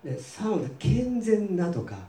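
Speaking at a measured pace in a mellow, high voice, a very animated man from Japan delivers a sermon in a Seattle church hall. He has a Japanese accent, repeats every point in a second language himself, and keeps things chatty with questions for the congregation.

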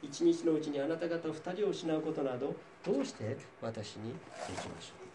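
A man's voice: on the high side, animated, a little fast, distant mic, lightly acted. A man reading the lines of an anxious mother who urges her son to flee. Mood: urgent. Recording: roomy, voice from off-mic, faint noise.

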